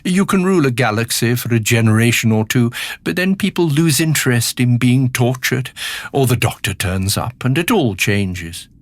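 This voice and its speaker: The Master, husky, theatrical skeletal villain. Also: male voice, medium pitch. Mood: sardonic. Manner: theatrical, confiding, sardonic, drawn-out menacing phrases. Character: decaying skeletal alien villain, charming, sinister, bitterly self-pitying. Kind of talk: dramatic monologue, audio drama narration to the listener.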